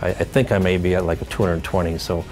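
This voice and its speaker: A man's voice: deep voice, fairly even intonation, fast, over music. A man in his fifties, a company leader, speaking earnestly in a local TV interview with some fillers. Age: 50s.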